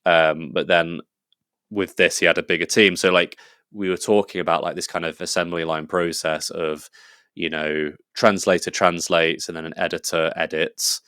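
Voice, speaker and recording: A man's voice: deep voice, little pitch movement, normal speed, sharp tone, smooth, no echo, clean studio sound. An English man talking as a podcast guest in a casual, rambling and enthusiastic way, full of fillers and restarts. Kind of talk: casual conversational interview.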